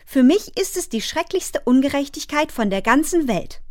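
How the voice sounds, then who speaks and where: Woman voicing a distraught young farm girl, high-pitched, shrill, tearful, storybook reading, dry recording. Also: animated, moderate pace, darkish tone, no echo. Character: upset eight-year-old farm girl.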